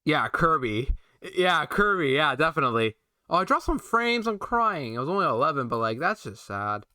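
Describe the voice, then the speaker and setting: A man's voice: on the high side, big pitch swings, a little fast, pushed and bright, dry recording, studio quality. A young man streaming a video game, rambling playfully and chatting with his viewers. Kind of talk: casual game-stream commentary.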